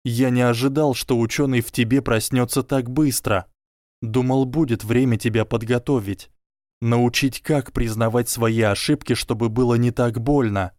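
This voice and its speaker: A man voicing an earnest, clever young wizard who argues calmly and persuasively. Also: mid-range voice, moderate pace, no room sound, clean studio sound, close to an everyday voice. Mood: pleading. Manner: calm, reasoning, quietly persuasive.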